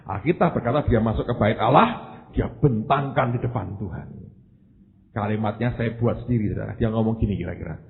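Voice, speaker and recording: A male pastor telling a story in a sermon, a lively delivery that jumps into loud, high voices. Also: brisk, gravelly. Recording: phone-like hall recording with faint noise.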